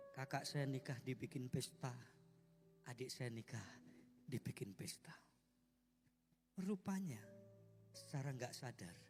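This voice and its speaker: Emotional preacher in a reverberant church. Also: male voice, mid-range voice. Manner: emotional testimony, swings from hushed to loud, sings. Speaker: pastor. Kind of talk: sermon. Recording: long hall reverb with faint music.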